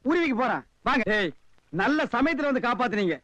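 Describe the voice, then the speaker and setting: A whiny comic scold, with a very high, squeaky voice. He nags and complains in a dry, close film sound. The audio is dull and lo-fi. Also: very animated, quick pace, fairly bright tone, no echo, full character voice. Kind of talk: film comedy dialogue.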